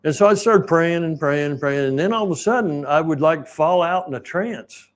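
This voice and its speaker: A man, preaching a sermon in a folksy, rambling storytelling way and clearing his throat now and then. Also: a little high, expressive, normal speed. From Oklahoma, United States. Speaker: pastor.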